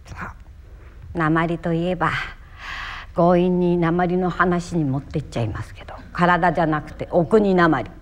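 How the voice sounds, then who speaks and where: Theatrical woman actress, lowish voice. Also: normal speed. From Miyagi, Japan. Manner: theatrical, lively storytelling with sudden pitch leaps. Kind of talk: one-woman stage monologue.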